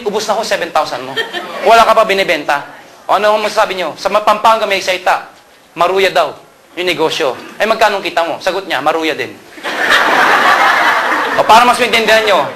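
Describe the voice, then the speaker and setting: A man from Pangasinan giving a joking sales pitch at a marketing seminar, asking the audience questions and shouting punchlines. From Pangasinan, Philippines. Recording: live event with loud crowd and noise.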